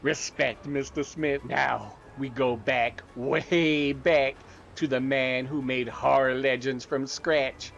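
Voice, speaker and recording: Man playing a creaky, campy horror host. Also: medium pitch, steady tone, slow, fairly bright tone, muffled recording, a little hiss or hum. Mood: campy, reverent. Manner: theatrical horror host delivery, punning, alliterative, relishing words. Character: campy male horror show host, a gleefully macabre glam ghoul. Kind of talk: scripted horror host narration.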